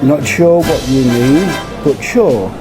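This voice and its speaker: Man playing a slow, hesitant school lunch seller. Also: medium pitch, music in the background, natural voice, rough recording. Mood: bemused. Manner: hesitant, bemused. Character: puzzled but obliging male school lunch seller. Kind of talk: scripted video game dialogue.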